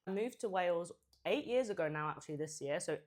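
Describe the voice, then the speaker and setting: A woman's voice: lowish voice, animated, a little fast, darkish tone. A woman, chatting casually to followers while eating, chewing as she talks. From Hampshire, England and Japan. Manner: chewing and eating while talking, mouth sometimes full; chatty, informal. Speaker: food content creator. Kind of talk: casual mukbang chat to followers.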